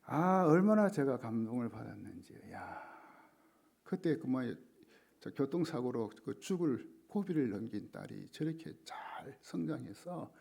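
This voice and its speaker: A man's voice: mid-range voice, very animated, measured pace, vocal fry, darkish tone, breathy edge. A male pastor preaching a sermon, telling a story dramatically and often dropping to a whisper.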